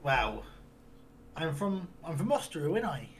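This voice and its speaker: A man voicing a wandering half-elf male handyman in a tabletop role-play, talking in a folksy, rough way full of fillers. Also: a little high, very animated, unhurried. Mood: rambling.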